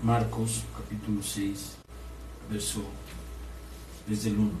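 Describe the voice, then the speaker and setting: In a lowish, flat voice, a pastor takes his sermon slowly, asking the congregation questions and mimicking complainers in a whiny voice. The background is noisy, and the distant mic captures an echoey room with faint ambience.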